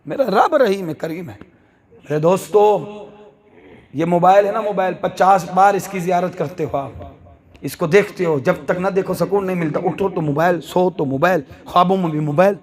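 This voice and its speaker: A man preaching a sermon to a live gathering. He moves between soft, low asides and shouted climaxes and keeps asking the audience questions. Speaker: Islamic preacher. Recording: live crowd audible behind.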